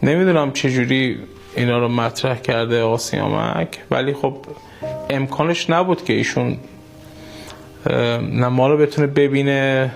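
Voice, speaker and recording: A man's voice: medium pitch, gravelly, faint music behind. A man, a relative of the interviewee, recalling events hesitantly in an interview. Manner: hesitant, with fillers.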